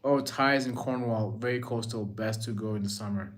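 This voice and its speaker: A Rwandan man with a lowish voice hosts a casual livestream at a normal pace, chatting as he greets viewers by name and reads out their comments.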